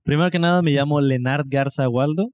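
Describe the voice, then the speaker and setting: A man's voice: a little high, a little fast, no room sound. A young man from Monterrey, chatting casually and a bit ramblingly as a podcast co-host. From Mexico (Monterrey). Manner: relaxed, rambling, self-deprecating. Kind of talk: casual chat.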